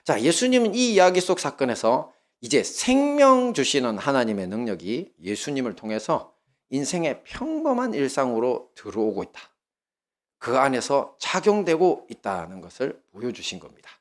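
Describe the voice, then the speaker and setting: A male pastor with a Gyeongsang Korean accent, preaching a sermon with lively storytelling and questions put to the congregation. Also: mid-range voice, normal speed.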